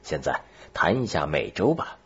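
A deep-voiced man playing an ironic, excitable male geographer in an audiobook, his low husky voice swooping wide with sarcasm on a dull, lo-fi recording. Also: moderate pace, heavily acted. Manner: sarcastic, increasingly agitated questioning. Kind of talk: audiobook character reading.

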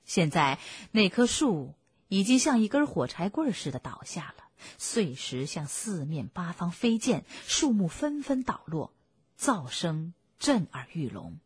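A woman reading a bedtime story to children, gentle and expressive. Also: fairly low pitch, a little slow, breathy edge, dry recording.

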